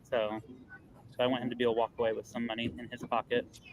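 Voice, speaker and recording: A man working a phone sales call, talking quickly through a deal with lots of fillers and reassurances, then chatting it over with colleagues. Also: mid-range voice, monotone, background noise. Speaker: real estate investor on sales calls. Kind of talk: live-streamed phone sales call and debrief. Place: loud area. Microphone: earbud headset mic.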